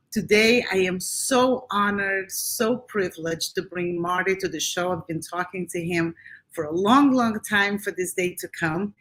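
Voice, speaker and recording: A woman's voice: mid-range voice, fairly bright tone. A woman hosting a live-streamed interview show over a video call, effusive and given to repeating herself. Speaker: host.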